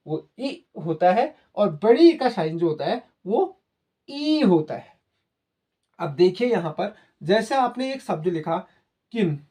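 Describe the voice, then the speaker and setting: A male teacher explains a grammar lesson at a slow, unhurried pace. He repeats each point patiently and keeps turning to his listeners to check they follow. The delivery is plain and classroom-like. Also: sits high, warm tone. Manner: patient, repetitive, addresses listeners directly. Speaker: Hindi teacher.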